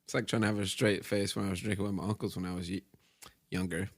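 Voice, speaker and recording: A man's voice: sits low, steady tone, quick pace, creaky, a loud crowd. A man hosting a podcast in casual chat, loose and laughing, with a lot of fillers and swearing. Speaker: podcast host.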